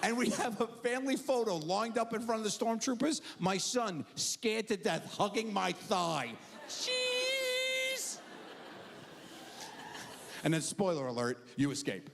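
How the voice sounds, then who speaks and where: A middle-aged man on stage telling a stand-up story, his voice swinging high and low with big animated pitch jumps. He sits a little above the usual male register, with a faint ambient hum behind him. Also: moderate pace, gravelly, hardly any pauses. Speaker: stand-up comedian.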